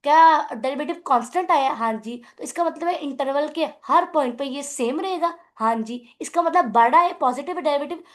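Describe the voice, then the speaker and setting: A woman's voice: high voice, normal speed, hardly any pauses. A young woman lecturing on math, mixing English terms into her talk and often asking whether the students follow. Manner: mixes English terms into Hindi. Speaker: math teacher. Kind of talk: classroom lecture.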